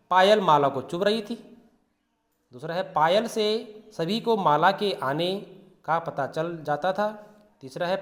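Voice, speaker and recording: A man's voice: fairly high pitch, long reverb tail. A man teaching a primary class, who asks questions and answers them himself and acts out sounds like bells and drums. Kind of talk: classroom lesson explaining a textbook.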